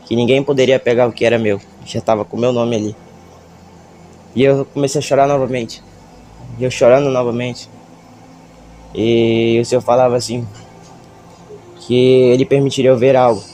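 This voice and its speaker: A nervous man with a Brazilian Portuguese accent gives an emotional church testimony. He halts and stammers often. His voice is mellow and dark, and it stays level, with soft music far behind him. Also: mid-range voice. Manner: halting, stammering, emotional retelling. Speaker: church member giving testimony.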